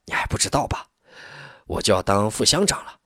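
A man's voice: low-pitched, very animated, measured pace, pushed and bright, husky, dry recording, studio quality, heavily acted. A man doing a smug, sly turncoat. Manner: smug, wheedling.

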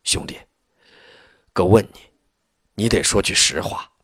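A man voicing a poor peasant farmer who asks earnest, wary questions, with a husky voice. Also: deep voice, unhurried, dry recording, clean studio sound. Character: poor middle-aged peasant man, wary but warm.

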